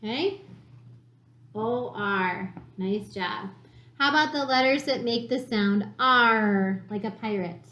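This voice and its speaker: A woman teacher giving a recorded phonics lesson to young children, sounding out letters slowly and encouragingly. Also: on the high side, fairly bright tone, muffled recording. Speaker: elementary school teacher. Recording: echoey room.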